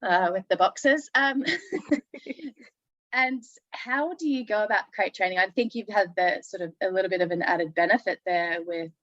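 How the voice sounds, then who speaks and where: A woman's voice: mid-range voice, measured pace, fairly bright tone, dry recording, muffled recording. A woman hosting a casual chat, telling stories in a chatty way and laughing often. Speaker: podcast host.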